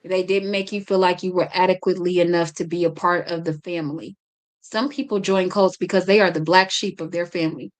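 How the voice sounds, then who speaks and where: A woman's voice: fairly low pitch, steady tone, fairly quick. A woman hosting a podcast, chatting casually, talking a lot and often stumbling and restarting her sentences. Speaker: podcast host.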